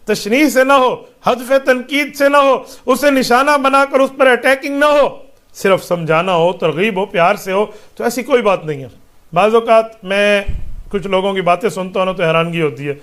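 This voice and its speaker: High-voiced man preaching emphatically. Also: a bit bright. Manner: emphatic and rhetorical, lists points, recites Arabic phrases. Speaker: mufti answering religious questions. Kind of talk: religious Q&A answer, preaching.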